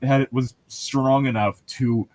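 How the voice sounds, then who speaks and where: This co-host of a casual book podcast reads prose from a novel and chats aimlessly around it, swearing here and there. He speaks at medium pitch with a steady, unhurried delivery and a darkish tone.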